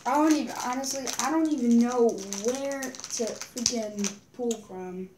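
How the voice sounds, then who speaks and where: A woman's voice: a little high, measured pace. A young woman chatting casually and giggling over a game, using slang. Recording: echoey room, background noise.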